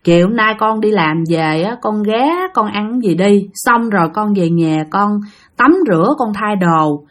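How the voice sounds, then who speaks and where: A woman's voice: mid-range voice, a little slow, lightly acted. A woman voicing a worried mother who coaxes and pleads. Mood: coaxing. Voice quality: pleading, coaxing. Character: worried mother pleading with her sick son.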